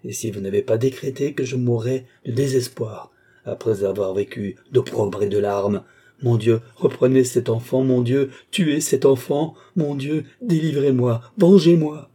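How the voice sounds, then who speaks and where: A man's voice: fairly low pitch, steady tone, moderate pace, mellow, breathy edge. A man voicing a desperate young woman who pleads and cries out in anguish, in an audiobook reading. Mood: desperate pleading. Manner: anguished, pleading, rising to outcries. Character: desperate young woman cursing her fate.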